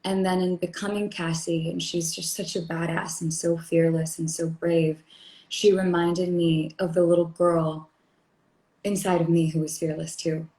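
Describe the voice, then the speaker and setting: A woman, an actress, chatting earnestly on a phone livestream from a hotel room, quick to laugh. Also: lowish voice, flat delivery, dark tone, echoey room. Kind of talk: casual livestream chat.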